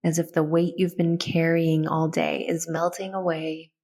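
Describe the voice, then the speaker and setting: Her voice is slightly low and moves little in pitch as she leads a guided meditation at a measured pace. The woman gently guides listeners through each step with soft, soothing instructions.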